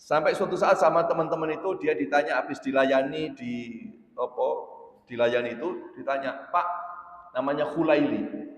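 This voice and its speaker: A man's voice: a little high, moderate pace. A man with an East Javanese accent giving a storytelling sermon to a congregation, often addressing them directly and mixing in Javanese. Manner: storytelling, switches between Indonesian and Javanese, addresses audience often. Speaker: preacher. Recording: echoey hall.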